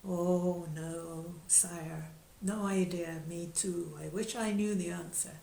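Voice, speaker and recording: A woman's voice: fairly low pitch, steady tone, takes it slowly, gravelly, warm tone, reverberant, slight background noise. A woman voicing a group of bewildered male knights in a storytelling talk.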